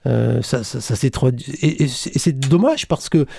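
A man's voice: mid-range voice, moderate pace, gravelly, dark tone, breathy edge, no echo. A man from the south of France, an economics professor, speaking as a radio guest with a neutral accent, restarting and repeating words as he goes. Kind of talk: radio interview talk. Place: radio studio.

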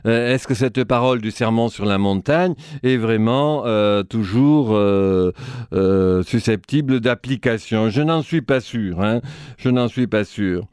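A commentator on a broadcast series speaks at a measured pace in a low, slightly mellow, smooth voice, captured as a dry, studio-quality recording. His reflective, professorial style leans on asides like "hein" and "vous voyez," along with wordplay and quotations.

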